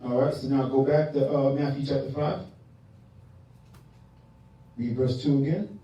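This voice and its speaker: A man's voice: medium pitch, little pitch movement, measured pace, warm tone, highs cut off. A man leading a Bible class, calling on a reader and explaining verses with emphatic questions to the room. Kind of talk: call-and-response Bible teaching. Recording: echoey room from far off.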